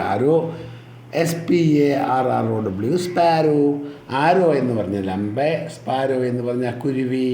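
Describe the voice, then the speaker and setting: A man with a Malayali accent, teaching children an English lesson slowly and patiently and spelling words out letter by letter. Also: mid-range voice, darkish tone, echoey room, a little hiss or hum. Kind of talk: explaining a school English text in Malayalam.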